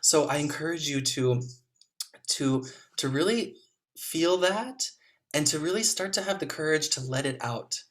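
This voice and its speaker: A man serving as a competition juror, giving gentle, encouraging spoken feedback to young players over a video call, with frequent ums. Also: on the high side, unhurried.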